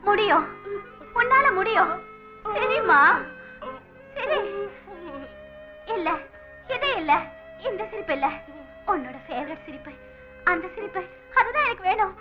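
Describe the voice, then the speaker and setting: A woman's voice: very high voice, lively intonation, measured pace, long pauses, music in the background. Give me an affectionate, coaxing mother, recorded on muffled film audio. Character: doting foster mother sending her son off. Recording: dull lo-fi film audio with score.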